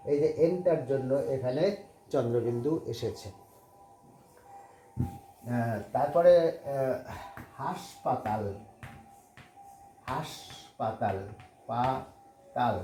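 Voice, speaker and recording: A man's voice: fairly high pitch, dark tone. A man teaching a spelling lesson, patiently repeating words and spelling them out letter by letter. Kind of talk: classroom lesson on Bangla spelling. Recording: echoey room with faint background noise.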